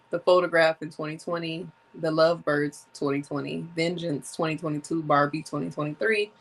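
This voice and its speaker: A woman in her 30s runs a casual solo podcast, chatting animatedly, sipping drinks, and breaking into laughter often. Her voice is deep, and the recording quality is low.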